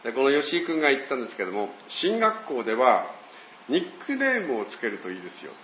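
Speaking as a pastor, an older man tells a Bible story at a slow pace, his pitch moving in a lively way. A faint hiss runs through the dull, roomy recording.

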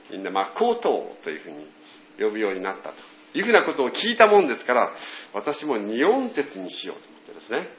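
Male pastor preaching, super lively pitch, dull echoey room sound. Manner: lively storytelling with animated voiced quotes. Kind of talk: sermon.

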